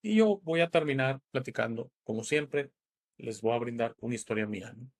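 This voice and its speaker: A man's voice: medium pitch, lively intonation, moderate pace. A man from northern Italy, the host, telling a personal story in a reflective, casual way. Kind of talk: casual chat.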